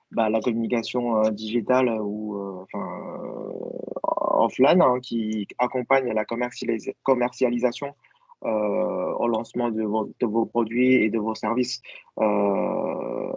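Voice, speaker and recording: A man whose first language is Chinese speaks over a video call, his voice gravelly and close and dry. He talks haltingly, with frequent fillers. The call audio sounds dull and lo-fi. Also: medium pitch, a little mellow, no room sound. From China. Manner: hesitant, many fillers. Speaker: guest speaker, agency founder. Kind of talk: webinar presentation.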